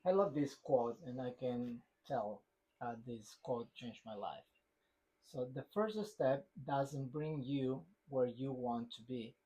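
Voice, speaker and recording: A man from Ecuador with an Ecuadorian Spanish accent, co-hosting a podcast in halting, unhurried casual chat. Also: medium pitch, dark tone, slightly rough, rough recording. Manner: halting, many fillers and restarts, non-native phrasing. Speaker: podcast co-host.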